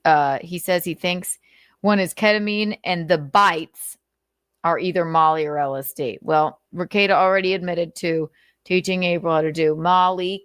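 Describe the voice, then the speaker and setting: The host of a commentary show reads notes aloud, adding casual, sardonic remarks and swearing freely in a conversational way. She has a lowish voice, recorded clean in a studio without echo.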